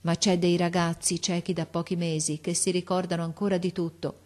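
A woman narrating an audiobook in a measured, expressive storytelling manner. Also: fairly low pitch. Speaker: audiobook reader.

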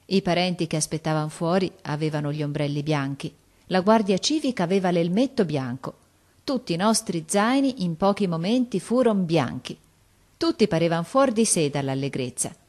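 A woman narrating a classic children's novel in an expressive reading voice that lifts on names and exclamations. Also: lowish voice, moderate pace. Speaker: audiobook reader.

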